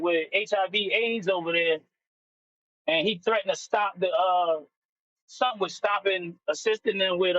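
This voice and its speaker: A man calling in on a video call over a poor connection, talking in a halting, casual way with many fillers and restarts. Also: high-pitched, fairly bright tone, dry recording. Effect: on a video call with a bad signal. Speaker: caller on a live discussion. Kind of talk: casual chat. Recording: dull lo-fi call audio.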